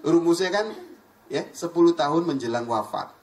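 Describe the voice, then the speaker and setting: Animated preacher, distant mic. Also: male voice, normal speed. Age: middle-aged. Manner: animated, jumps between high exclaims and low asides, acts out dialogue. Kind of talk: lively Islamic sermon with storytelling. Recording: distant mic in a hall with faint room noise.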